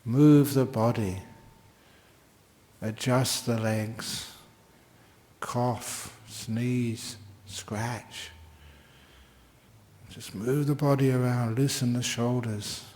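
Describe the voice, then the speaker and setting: A man teaching meditation, giving slow, gentle guided meditation instructions with long, unhurried pauses. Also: medium pitch, fairly even intonation.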